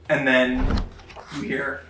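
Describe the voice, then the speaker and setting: A man narrating a tabletop game as game master, lively, laughing often and building suspense. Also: mid-range voice. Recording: roomy, distant mic, faint music.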